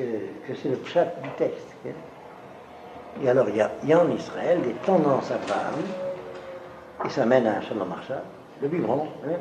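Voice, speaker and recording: A man teaching a Torah class to a live audience. He reads Hebrew verses aloud, translates and explains them, and teases his listeners in a conversational way. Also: mid-range voice. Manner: teasing, conversational, jokes with listeners. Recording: echoey room with background noise.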